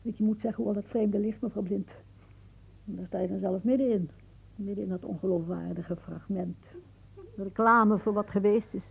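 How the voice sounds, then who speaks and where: In a radio play, an actress voices a whimsical, dreamy elderly aunt who muses theatrically and slips into hushed asides. Her female voice sits in the mid-range, gravelly and husky, with fairly even intonation and a moderate pace, and the mood is agitated and brooding. The recording quality is low.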